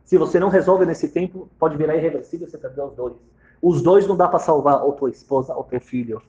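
A man's voice: a little high, fast talker, warm tone, muffled recording, natural voice. A man playing a grave senior doctor giving urgent bad news.

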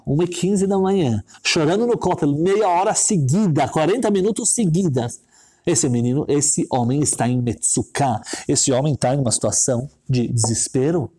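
Religious storyteller, man, slightly high voice, animated suspense-building delivery. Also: a little fast, breathy edge.

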